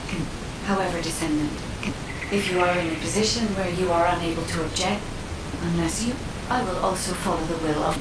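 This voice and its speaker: A woman voicing a calm, overly smooth female android guide in a game, speaking in a measured, formal way. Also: on the low side, close to an everyday voice. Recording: echoey and distant with loud noise.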